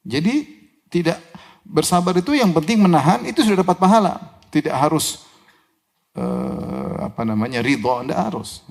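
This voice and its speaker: A man's voice: normal speed, pauses often. A man preaching a sermon. He recites Arabic verses, explains them, and asks his listeners questions that he answers himself. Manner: animated, with sudden rises in pitch and loudness on key words.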